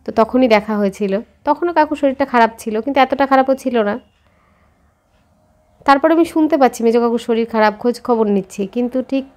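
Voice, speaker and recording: A woman's voice: a little high, a little mellow. A woman, chatting directly to viewers in a casual daily vlog. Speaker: vlogger.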